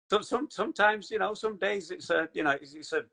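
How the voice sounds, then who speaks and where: A man hosting a podcast in casual chat, animated and swearing when excited. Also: sits high, normal speed, creaky. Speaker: podcast host.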